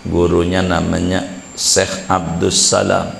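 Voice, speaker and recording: A man's voice: sits low, completely flat delivery, takes it slowly, creaky, a little hiss or hum. A man preaching in a chatty, joking way, drawing out words and explaining with asides. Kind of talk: casual religious lecture. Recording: echoey hall with faint ambience.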